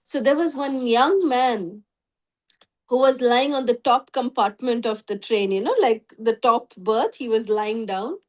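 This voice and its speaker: A woman's voice: a little high, measured pace. A woman leading a devotional scripture class online, telling stories and often adding "you know". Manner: storytelling, with frequent "you know" fillers. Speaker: spiritual class teacher. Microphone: online video call.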